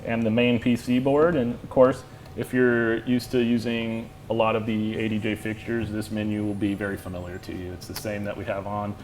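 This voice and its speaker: A man explaining a lighting fixture in a casual demo chat, relaxed and rambling, with lots of "you know". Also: on the low side, brisk, a little hiss or hum. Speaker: lighting product expert.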